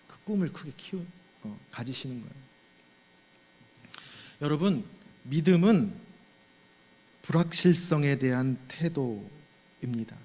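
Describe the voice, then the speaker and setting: A man's voice: a little high, warm tone, in a large hall. A male senior pastor preaching a sermon in a conversational way, often putting rhetorical questions to the congregation. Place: church sanctuary.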